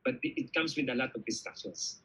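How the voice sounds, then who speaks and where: A man's voice: mid-range voice, brisk, husky, poor audio. A man with a Filipino accent giving a motivational talk to an audience, telling stories with lots of energy and checking in with "okay?" as he goes. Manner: energetic, animated storytelling, frequent "okay?" check-ins. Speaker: business speaker answering audience questions.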